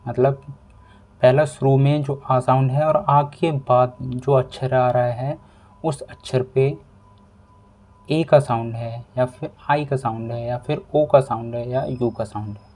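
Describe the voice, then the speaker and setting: A man teaching a pronunciation lesson, explaining rules slowly and repeating each step. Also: mid-range voice, steady tone, darkish tone. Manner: slow, repetitive explaining. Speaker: English teacher.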